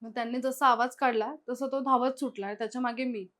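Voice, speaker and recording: A young woman guest chattily retells her own experiences, acting out the quoted dialogue of everyone involved. Her voice is a little high and fairly bright, with fairly even intonation and a quick pace.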